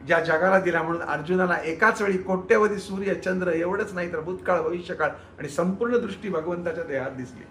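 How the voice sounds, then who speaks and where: A man telling a spiritual scripture story as host, in an expressive, vivid way that addresses viewers directly. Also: high-pitched, fairly quick, few pauses, roomy sound, a little hiss or hum.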